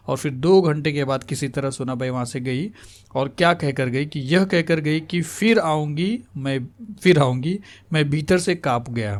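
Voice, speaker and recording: A man teaching a school literature lesson. He explains each line again in simpler words and mixes in English words. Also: medium pitch.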